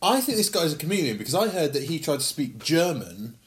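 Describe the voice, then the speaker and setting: A man's voice: a little high, big pitch swings, fairly quick, noisy background. A man co-hosting a podcast in casual chat, teasing his partner dryly and hesitating with frequent ums. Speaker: podcast co-host.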